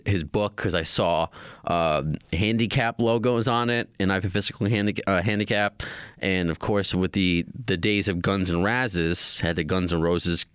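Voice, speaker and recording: Low-voiced man hosting a podcast. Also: smooth, no echo, clean studio sound. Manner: relaxed, rambling, quick asides. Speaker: podcast host. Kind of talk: casual podcast chat.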